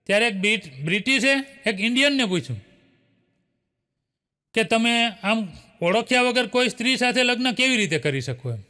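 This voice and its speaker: This joke teller has a very high, sing-song voice, bright and forceful, as he tells one quick joke after another. He keeps chuckling, leans on a filler word to cap his lines, and the sound rings with long hall reverb.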